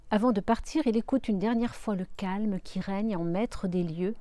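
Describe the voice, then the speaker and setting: A woman narrating a storybook in an expressive, lilting way. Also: medium pitch, dry recording.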